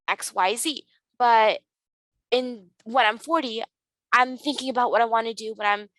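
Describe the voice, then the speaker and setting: A woman's voice: fairly high pitch, a bit bright, dry recording, low-quality recording. Earnest teenage girl, dry close sound. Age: teens. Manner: earnest, reflective, with frequent fillers. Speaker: guest. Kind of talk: podcast interview.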